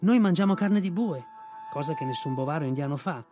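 A man narrating an audiobook in a measured storytelling manner. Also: on the high side, expressive, over music. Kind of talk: audiobook reading.

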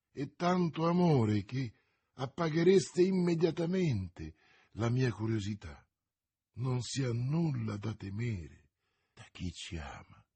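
A man's voice: medium pitch, dark tone, slightly rough, dry recording, exaggerated voice. A man voicing an ardent young swordsman in an audiobook, impassioned and gallant. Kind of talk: audiobook reading.

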